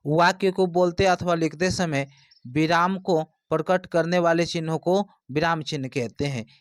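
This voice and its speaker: A man's voice: a little high, measured pace, no echo. Man teaching grammar, dry sound. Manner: explanatory, repeats points with "yani" and "dekhiye". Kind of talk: exam-prep lesson explaining Hindi grammar.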